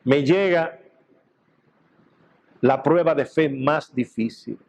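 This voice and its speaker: A man's voice: a little high, slow, creaky, a little mellow. A male pastor giving a fervent testimony sermon, telling his story with quoted dialogue.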